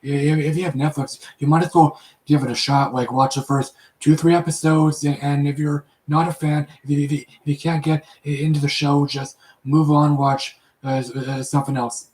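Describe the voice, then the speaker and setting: A man hosting a casual live chat from his room, who talks in halting bursts full of repeated words and fillers. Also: on the high side, flat delivery, a little mellow, reverberant, poor audio. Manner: halting, many repetitions and fillers.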